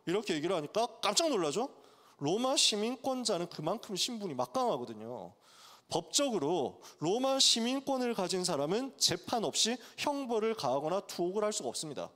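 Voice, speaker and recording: A male pastor preaching to college students, telling the story in a lively way and acting out its characters' voices. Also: sits high, a little fast. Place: church sanctuary. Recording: long church hall reverb.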